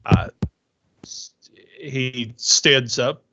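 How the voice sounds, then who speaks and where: A man narrating a tabletop game as game master, unhurried and filled with "uh"s, over an online voice call. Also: mid-range voice, steady tone, sharp tone, dry recording. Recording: muffled lo-fi online voice chat.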